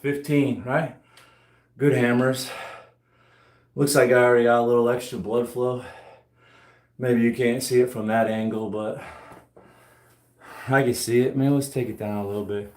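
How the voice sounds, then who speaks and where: The room echoes around a medium-pitched man who speaks at normal speed with little pitch movement and frequent pauses. In his forties, he's working out in his home gym, making light, self-mocking conversation between sets of lifts.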